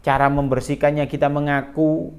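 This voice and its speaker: A male preacher, telling a story in a sermon, animated and acting out the quotes. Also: on the high side, moderate pace. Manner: animated, acts out quotes, mixes in Javanese words.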